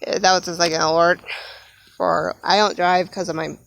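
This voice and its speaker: A woman's voice: lowish voice, flat delivery, moderate pace, vocal fry, fairly bright tone. A young adult woman talking casually in a rambling vlog monologue, laughing often and breaking off to apologize. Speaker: vlogger.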